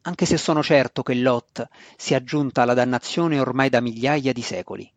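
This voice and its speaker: A man reading an audiobook, voicing a young male dark elf who answers back with anger and defiance. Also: medium pitch, normal speed, no echo, close to an everyday voice. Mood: defiant. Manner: defiant, angry, shaken.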